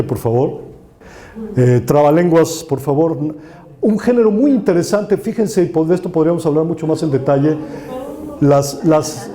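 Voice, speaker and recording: A man giving an academic talk with slides at a conference, lively and lecturing, often restarting words. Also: fairly high pitch. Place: conference room.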